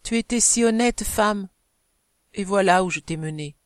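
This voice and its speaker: A woman's voice: mid-range voice, moderate pace, dry recording, clean studio sound, lightly acted. A woman voicing a remorseful aging mother who speaks tenderly and pleadingly.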